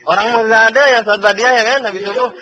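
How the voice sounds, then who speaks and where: A man teaching a classical religious book, slowly reading passages and explaining them in a chatty way, heard on old worn tape. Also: high voice, crowd noise. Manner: chatty, chuckles often between points; reads classical text slowly then explains it. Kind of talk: classical book study lesson. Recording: dull lo-fi old tape with faint hiss.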